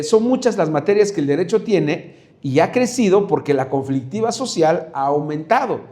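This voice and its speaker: A man teaching a Bible study on Proverbs, animated, with frequent fillers and restarts. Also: on the high side. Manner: animated, acts out shouts and whispers in examples. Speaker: preacher.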